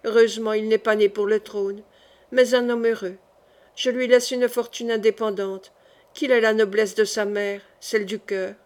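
A woman voicing a dying, weary king who speaks softly and confidingly in an audiobook reading. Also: steady tone, moderate pace, close to an everyday voice. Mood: sorrowful. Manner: soft, low-voiced confiding.

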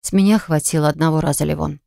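A woman's voice: sits low, fairly even intonation, fast talker, gravelly, warm tone, dry recording, clean studio sound. A woman voicing a hurt young woman who answers her ex-fiancé in a cutting, reproachful way, in an audiobook. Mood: cold. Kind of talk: audiobook dialogue reading.

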